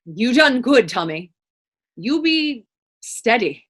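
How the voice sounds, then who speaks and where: In a readers theater dramatic dialogue, a woman voices a plainspoken, teasing yet compassionate character, asking frank, folksy questions in archaic Irish dialect. Her fairly high voice is very animated, slow, fairly bright and husky, a full character voice.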